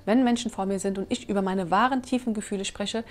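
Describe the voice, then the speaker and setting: A woman in her thirties, a mother of three, talking earnestly to camera about raising children, often animated. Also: medium pitch, fast talker. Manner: earnest, animated, acts out her own scolding. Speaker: parenting vlogger, mother of three. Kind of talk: casual talk to camera. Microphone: camera mic.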